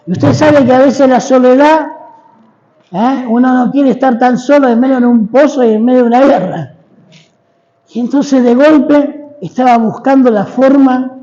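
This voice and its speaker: A man's voice: extremely high pitch, warm tone, in a large hall, muffled recording. A middle-aged man with an Argentine accent preaching a sermon as a dramatic personal testimony, calling on the congregation to repeat his words. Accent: Argentine Spanish. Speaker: guest preacher. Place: church hall.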